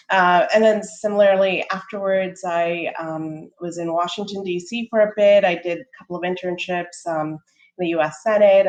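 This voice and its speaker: A woman's voice: fairly low pitch, poor audio. A middle-aged woman, born in Sri Lanka, speaking as a startup co-founder on a panel, friendly and full of ums, with light laughs. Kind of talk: casual panel talk.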